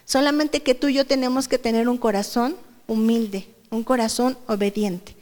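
A Mexican woman preaches to her congregation in a relaxed, conversational way. She keeps asking them questions as she goes. Her voice sits high, and a long reverb trails behind her words. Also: normal speed. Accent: Mexican Spanish. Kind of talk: sermon. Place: church service hall. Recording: reverberant church hall.

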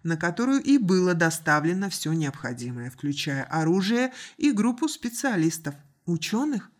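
A woman voicing a determined male spaceship captain who speaks in a measured, earnest and insistent way. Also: lowish voice, big pitch swings.

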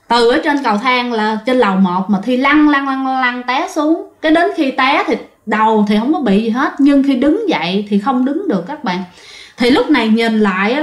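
Woman storyteller, fairly high voice, chatty and direct with listeners. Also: reverberant. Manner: chatty, addresses listeners directly, vivid retelling. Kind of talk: casual ghost story narration.

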